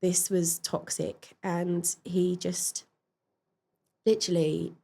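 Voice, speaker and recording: Woman telling her story on a podcast, kinda gravelly low voice, frank, lots of ums. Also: level tone, warm tone. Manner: frank and reflective, with many fillers and pauses. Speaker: podcast guest. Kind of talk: candid personal storytelling.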